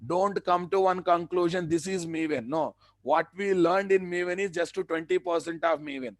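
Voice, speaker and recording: A man's voice: sits high, normal speed, no echo, clean studio sound. A man with an Indian accent teaching a live technical class, repeating phrases and posing questions that he answers himself. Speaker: software training instructor.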